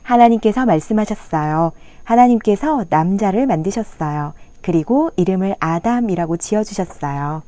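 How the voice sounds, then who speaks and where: With a soft, mellow voice at medium pitch, a woman gently tells Bible stories meant for children. She explains each part the way one would for little listeners.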